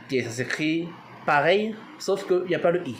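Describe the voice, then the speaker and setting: A man's voice: fairly high pitch, animated, moderate pace, slight background noise. A man giving an informal language lesson, hesitant with many fillers, spelling words out letter by letter. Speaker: language teacher.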